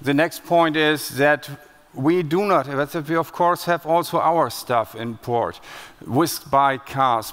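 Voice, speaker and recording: A German-accented man in his fifties speaks at a conference on a headset mic, in plain words with many hesitations and restarts. His voice is smooth and resonant, and a long reverb trails off through the large hall. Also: mid-range voice, a bit bright. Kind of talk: conference presentation.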